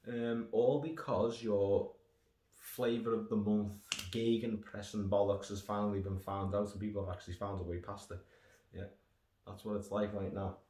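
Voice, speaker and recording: A man's voice: lowish voice, darkish tone. A British man giving a casual, rambling snack review in a sarcastic, sweary, digressive way. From United Kingdom. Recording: echoey room with faint noise.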